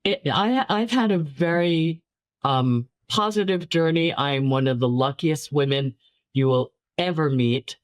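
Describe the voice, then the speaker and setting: This guest filmmaker talks in an unhurried, deep voice with no echo. Raised in New York City with Chinese as her first language, she chats casually in an interview, warmly telling stories, repeating words for emphasis and laughing lightly.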